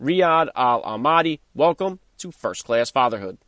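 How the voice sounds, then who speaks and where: A man's voice: medium pitch, big pitch swings, measured pace, a bit bright, no room sound, clean studio sound. A man in his thirties hosting a podcast, asking direct questions in an upbeat way. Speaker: podcast host. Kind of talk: casual interview.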